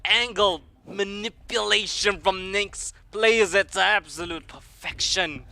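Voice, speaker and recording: Man, esports caster, high voice, bright tone, hoarse, hype play-by-play. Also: slight background noise. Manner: rapid hype calls, shouting at big plays. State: voice going hoarse. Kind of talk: excited play-by-play commentary.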